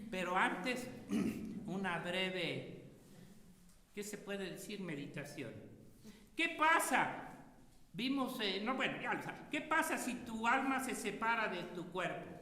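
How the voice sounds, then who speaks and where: A man preaching a sermon to his congregation, animated and firing rhetorical questions at his listeners. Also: high-pitched, unhurried. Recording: echoey hall with long reverb.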